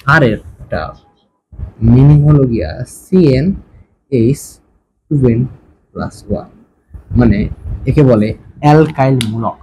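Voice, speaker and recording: A man's voice: mid-range voice, measured pace, long pauses, noisy background. A male chemistry teacher giving a classroom lecture, often checking in with his students and mixing English terms into his explanations. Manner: asks students frequent check questions; mixes English terms into speech.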